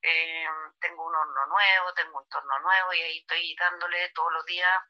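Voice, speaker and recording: A woman's voice: on the low side, fairly even intonation, brisk, pushed and bright, lo-fi sound. Chatty Chilean woman artist on a call. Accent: Chilean Spanish. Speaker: artist guest. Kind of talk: casual remote interview.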